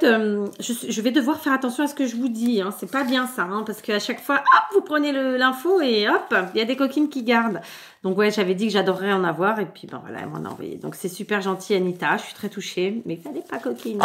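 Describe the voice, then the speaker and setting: A woman's voice: a little high, slight background noise. A French woman vlogger chatting casually while showing scrapbooking mail, with many fillers and restarts. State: clearing her throat, something in the throat.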